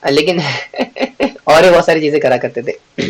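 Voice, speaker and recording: Joking Gita class teacher, higher-voiced man. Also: fairly quick, low-quality recording. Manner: joking, chatty, teasing the audience; asks the class questions and answers them himself. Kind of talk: devotional class lecture.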